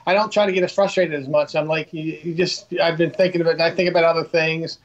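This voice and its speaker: A man guest talking casually in a halting, self-deprecating way, often repeating words. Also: on the high side, fairly even intonation, dull audio. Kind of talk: casual interview talk.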